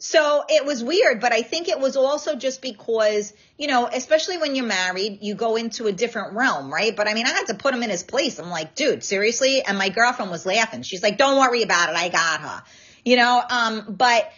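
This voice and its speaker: A woman hosting a casual live-stream chat, frank and animated, swearing freely as she tells stories. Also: fairly high pitch, fairly quick, few pauses, slightly rough, muffled recording. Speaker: talk show host.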